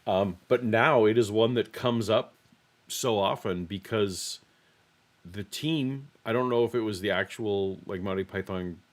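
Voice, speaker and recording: Male host, relaxed storyteller, lower pitch. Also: unhurried. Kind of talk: casual chat.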